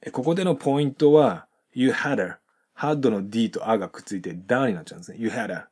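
A man teaching English pronunciation from a textbook, reading example sentences slowly and explaining how the sounds link. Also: mid-range voice, a little mellow, breathy edge.

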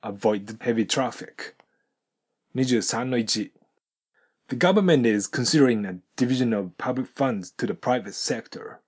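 A man whose first language is Japanese teaches English pronunciation one numbered sentence at a time. His voice is husky and sits at an ordinary male pitch. He reads each model sentence carefully, then breaks down the linking sounds. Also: a little slow.

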